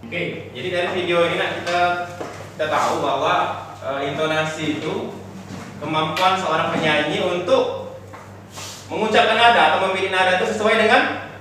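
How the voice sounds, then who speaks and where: A man's voice: high-pitched, fairly even intonation, normal speed, long pauses, noisy background. Echoey male music teacher. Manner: explains patiently, sings short examples and solfege. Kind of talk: classroom teaching with sung examples. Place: classroom. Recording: echoey classroom from far off.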